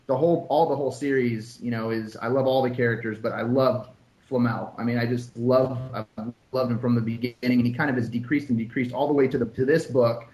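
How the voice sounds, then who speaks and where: A man's voice: mid-range voice, steady tone, brisk, darkish tone. A man in casual book-club chat, talking enthusiastically and rambling through his thoughts. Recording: roomy echo.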